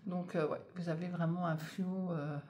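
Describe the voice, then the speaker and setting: A woman's voice: lowish voice, flat delivery, normal speed, a little mellow. Chatty woman knitting vlogger. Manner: chatty, hesitant, many fillers, apologizes for stumbling. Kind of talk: casual vlog chat, unboxing yarn. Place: home conservatory.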